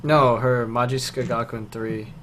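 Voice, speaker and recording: A man's voice: mid-range voice, fairly even intonation, measured pace, a bit bright. A man chatting casually on a podcast, laid-back and joking, often trailing off mid-sentence. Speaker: podcast co-host. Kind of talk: casual chat.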